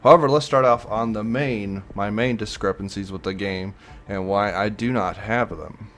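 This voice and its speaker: A man's voice: on the low side, normal speed, fairly bright tone. A man giving a casual commentary vlog about a video game, blunt and ranting, swearing freely, with many fillers and restarts.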